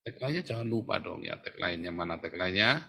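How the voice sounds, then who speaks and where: A male pastor giving a provocative, mocking sermon. He keeps turning to address his listeners directly and jumps from loud outbursts to low murmurs. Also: expressive, fast talker, a little hiss or hum. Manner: constantly addresses listeners as brothers; leaps between shouting and low murmurs.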